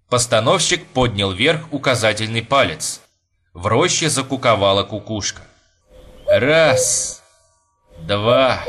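Bright-voiced male audiobook narrator. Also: on the low side, a little hiss or hum. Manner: steady literary reading. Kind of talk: scripted narration.

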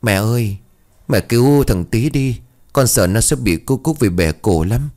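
A man's voice: mid-range voice, expressive, fairly quick, darkish tone, pitched above the performer's own voice, close to an everyday voice. A man voicing a frightened, crying village boy who talks in tearful pleas. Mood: pleading. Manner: tearful, pleading.

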